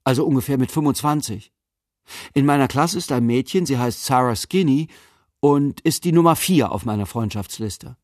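A man's voice: mid-range voice, moderate pace, darkish tone, no room sound, clean studio sound, pitched above the performer's own voice, lightly acted. A man voicing a curious, cheerful eight-year-old boy in an audiobook, talking eagerly and chattily. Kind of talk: audiobook character voice.

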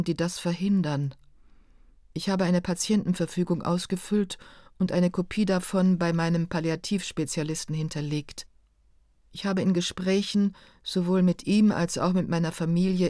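A woman reading a first-person narration in a calm, measured, reflective way. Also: lowish voice, no echo, clean studio sound. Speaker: audiobook narrator.

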